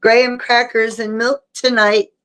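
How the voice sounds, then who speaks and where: A woman's voice: a little high, level tone, unhurried, fairly bright tone, smooth, voice pushed up. A woman voicing a cheerful, practical young woman detective in a storybook reading. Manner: cheerful, matter-of-fact.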